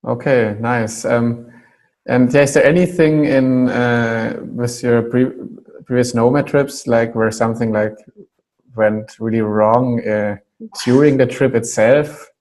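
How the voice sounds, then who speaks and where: A male interviewer asks his questions in a loose, hesitant way, full of fillers. His pitch barely moves, giving a flat delivery. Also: takes it slowly.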